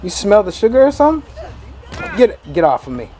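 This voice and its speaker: A man's voice: high voice, sing-song, a little fast, dark tone, soft background music. A man ranting profanely in casual let's-play commentary as a gaming streamer. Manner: profane, ranting, laughing asides.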